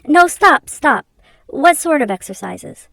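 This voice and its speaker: A woman's voice: high voice, big pitch swings, slow, gravelly, fairly bright tone, no echo, pitched above the performer's own voice, full character voice. A woman reading aloud, voicing an agitated elderly male millionaire who pleads and protests in sputtering bursts.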